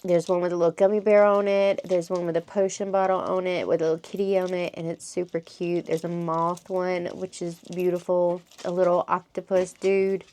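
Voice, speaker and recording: A woman with a lowish, gravelly voice talks casually in her home craft studio vlog. She rambles in a chatty, easygoing way and drops the odd swear word. Her voice has a steady vocal fry under it. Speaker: crochet vlogger.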